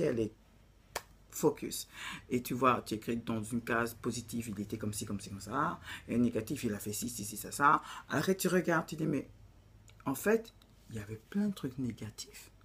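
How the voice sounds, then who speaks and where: A woman's voice: very deep voice, normal speed, husky. Blunt woman with an African accent. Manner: blunt and direct, mixing in English phrases. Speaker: vlogger giving relationship advice. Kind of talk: casual advice vlog, preachy.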